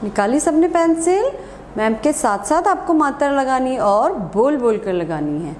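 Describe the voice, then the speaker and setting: A woman Hindi teacher giving a slow, sing-song lesson to young children, asking questions and answering them herself. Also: sits high, sing-song, darkish tone, reverberant, slight background noise.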